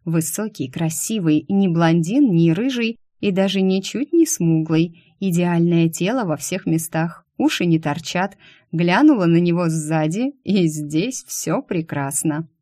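A woman's voice: fairly low pitch, expressive, measured pace, dark tone, no room sound, studio quality. A woman narrating a first-person audiobook in a wry, ironic storytelling manner.

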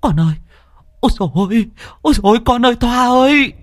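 A man voicing a frantic middle-aged mother, wailing in a shrill voice. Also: lively intonation, quick pace, faint music behind.

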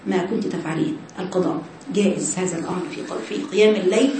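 A woman with an Egyptian accent giving a fast, animated religious lesson to women, mixing everyday speech with recited scripture. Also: mid-range voice, a little hiss or hum. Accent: Egyptian Arabic. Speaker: religious teacher. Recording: echoey room, voice from far off.

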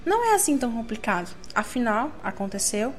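Young woman, slightly high-pitched, theatrical self-mocking literary reader over faint music. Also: very animated, fairly quick. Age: young adult. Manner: theatrical, wry, self-mocking, shifting pace. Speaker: reader of her own literary monologue. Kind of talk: dramatic literary reading.

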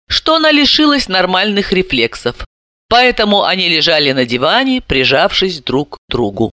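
A woman narrates a novel with animated, swinging intonation and a bright, forceful tone. Her delivery is dramatic and expressive. The recording is dry and close, with no room sound. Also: lowish voice, no room sound. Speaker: audiobook narrator.

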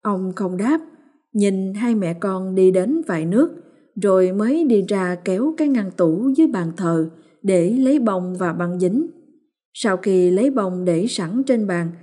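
Woman reading a ghost story, warm mellow voice, steady pace. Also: mid-range voice, husky. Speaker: narrator. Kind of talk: scripted horror story narration.

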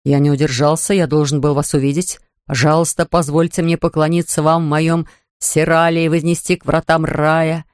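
A man doing a pampered, amorous young man in a storybook reading, his voice pitched low and murmuring. The sound is close and dry, with no room around it. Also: level tone, fairly quick, a little mellow, no echo, lightly acted. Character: amorous wealthy young man, playful, indulgent. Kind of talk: audiobook character reading.

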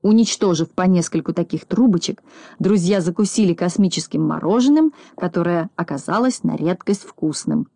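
A woman narrating a children's story aloud in a calm, even storytelling manner. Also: fairly low pitch, normal speed, no echo.

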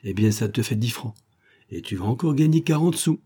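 A man voicing a cheeky young male actor-sleuth who talks in lively street slang. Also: mid-range voice, a little fast, slightly rough. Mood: bantering.

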